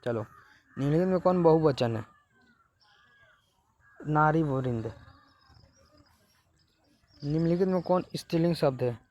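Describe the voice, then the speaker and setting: A man's voice: on the high side, measured pace, pauses often, dark tone. A man teaching a lesson, working through exam questions one at a time and repeating each answer to the students.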